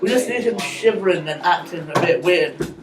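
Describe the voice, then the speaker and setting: A young British man in his late teens offers ideas hesitantly in a student meeting, restarting his sentences. His voice is fairly high for a man. He sits away from the mic in an echoey room. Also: normal speed, music in the background. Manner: hesitant, with many ums and restarts. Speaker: student in a group planning meeting. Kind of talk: casual group discussion. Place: school classroom. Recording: distant, echoey classroom recording.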